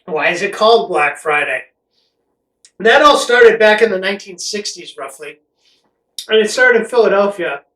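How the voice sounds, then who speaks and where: A man's voice: high-pitched, animated, normal speed, long pauses, bright, forceful tone. A middle-aged American man from Connecticut chatting casually and explaining things in a rambling, conversational way as a vlog host. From Connecticut, United States. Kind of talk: casual explainer chat to camera. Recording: roomy echo, distant mic.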